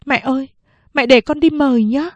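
A woman's voice: moderate pace, no echo, muffled recording, close to an everyday voice. Woman voicing a bold young daughter-in-law. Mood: pleading. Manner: higher, pleading tone.

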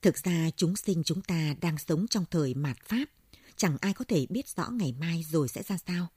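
An elderly monk reflects slowly and calmly in a storybook reading, read by a woman. The voice is low, mellow and a little husky. The recording is close and dry. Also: no room sound. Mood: contemplative. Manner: measured, contemplative. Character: calm elderly male Buddhist monk.

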